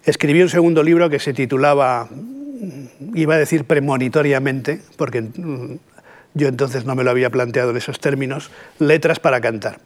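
A steady-toned, mid-range voice belongs to a middle-aged man from Catalonia speaking with a Catalan Spanish accent. His poetry lecture is measured and reflective, broken up by pauses and rhetorical asides.

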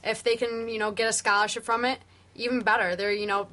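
A woman's voice: a little high, little pitch movement, quick pace, bright, forceful tone. A young woman on a radio panel, talking earnestly with lots of fillers. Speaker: studio guest panelist.

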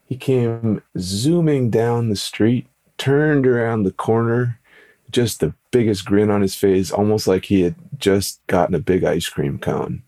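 A man's voice: fairly low pitch, a little slow, warm tone. A man co-hosting a podcast, telling stories in a casual, upbeat and playful conversational way. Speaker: podcast co-host.

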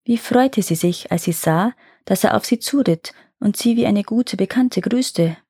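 A woman reading a fairy tale aloud in calm, measured narration. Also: mid-range voice, breathy edge, dry recording, clean studio sound. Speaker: storyteller.

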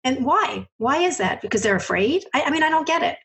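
A middle-aged woman hosting an interview, chatting casually and telling stories with lively outbursts. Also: high-pitched, brisk, low-quality recording. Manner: chatty storyteller, lively when surprised. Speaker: podcast host.

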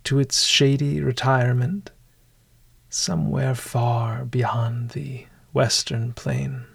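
A man hosting a podcast narrates a scripted bedtime meditation, hushed and deliberate, with long pauses. His mid-range voice holds a steady tone and sounds husky with vocal fry. The recording is dry.

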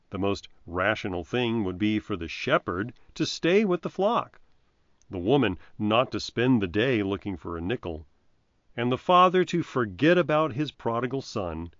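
A man reading a scripted devotional reflection as a preacher, measured and earnest. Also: mid-range voice, no room sound. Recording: dry, dull lo-fi recording.

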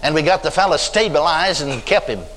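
A man's voice: on the high side, lively intonation, brisk, a bit bright. An older man with a Texan accent preaching a sermon, telling stories dramatically and drawing out emphatic words. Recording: long reverb of a church hall.

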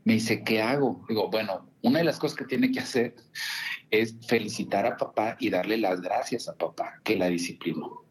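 Speaking at normal speed in a fairly low voice, a man who works as a family counselor guests on a radio talk show. His storytelling is conversational, sprinkled with tag questions and frequent digressions.

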